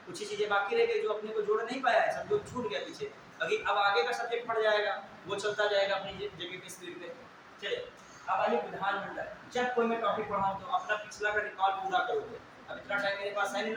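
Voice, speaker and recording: In a highly reverberant room, a young man teaching a class is captured from a distance over constant hiss. His fairly high voice poses recall questions to students before he supplies the answers.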